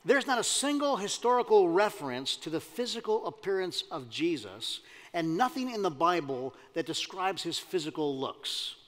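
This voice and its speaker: A man's voice: high-pitched, very animated, normal speed, fairly bright tone. A man preaching a sermon as pastor, talking conversationally and putting questions to the congregation. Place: church sanctuary. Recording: long hall reverb.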